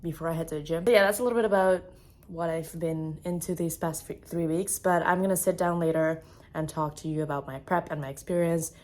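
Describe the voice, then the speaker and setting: A woman's voice: low-pitched, steady tone, fairly quick, a little mellow. A young woman chatting casually to camera in a vlog, upbeat and full of "like" fillers. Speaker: fitness vlogger. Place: home, then gym.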